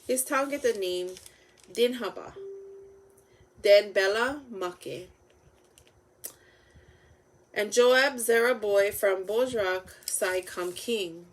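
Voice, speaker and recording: A woman with a Hawaiian Pidgin accent reading Bible stories aloud, halting a little over the names. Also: medium pitch, poor audio. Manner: halting over names, with stumbles and self-corrections.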